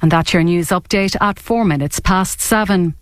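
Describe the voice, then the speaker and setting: A woman's voice: on the low side, moderate pace, clear, resonant tone, no echo, studio quality. An Irish woman reading a scripted radio news bulletin as a newsreader.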